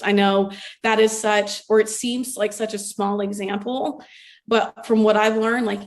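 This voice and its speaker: Young woman from ohio, earnest guest, talks in a pretty flat even tone. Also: medium pitch. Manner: earnest, reflective, emphatic. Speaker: guest, former elementary teacher. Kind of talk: conversational interview.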